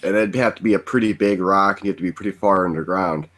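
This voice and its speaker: A man's voice: sits low, fast, a bit bright. A man in his twenties co-hosting a podcast, chatting in a laid-back, joking way. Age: 20s. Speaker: podcast co-host. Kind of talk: casual chat.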